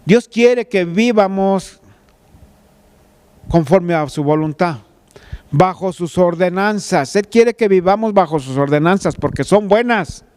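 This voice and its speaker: A man's voice: high voice, measured pace, darkish tone, clear, resonant tone. A man preaching a sermon, retelling a scripture story in a conversational way and speaking straight to the listener. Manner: addresses listener directly as "tú". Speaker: pastor.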